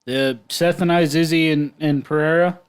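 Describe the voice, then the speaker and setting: Higher-voiced matter-of-fact male co-host. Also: steady tone, normal speed, clean tone. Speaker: podcast co-host. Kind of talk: casual chat.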